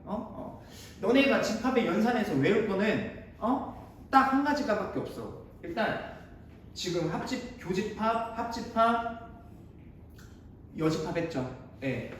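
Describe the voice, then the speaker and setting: Male math teacher, high and animated voice, chatty, rambling asides, very echoey room, mic far off. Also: unhurried. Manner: chatty, digressive, bantering with students in casual speech. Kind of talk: casual classroom lecture. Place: classroom. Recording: echoey room, mic at a distance, faint noise.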